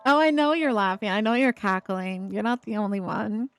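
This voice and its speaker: An Ohio streamer with a subtle Appalachian-tinged accent and a slight speech impediment on some words chats playfully with viewers while building, teasing back and laughing easily. Her mid-pitched voice is animated, at normal speed, clean, and free of echo, with faint music underneath.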